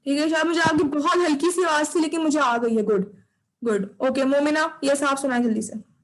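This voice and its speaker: A woman's voice: high-pitched, normal speed, rough recording. A woman teaching an online class, patiently drilling recitation and repeating her corrections over a video call.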